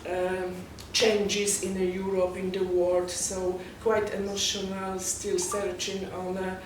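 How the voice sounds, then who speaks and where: A woman's voice: mid-range voice, monotone. Polish-accented woman in a very echoey, noisy room. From Poland. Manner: halting, non-native English phrasing. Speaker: guest, poet and novelist. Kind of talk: interview, personal account. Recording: very echoey, distant mic, noisy background.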